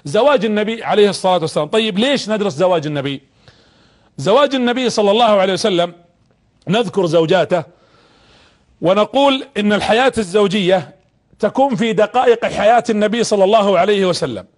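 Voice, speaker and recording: A man gives a televised religious talk from a studio. His voice sits high and he talks fast. He repeats key words for emphasis and keeps turning to the audience with questions. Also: lively intonation. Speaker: preacher.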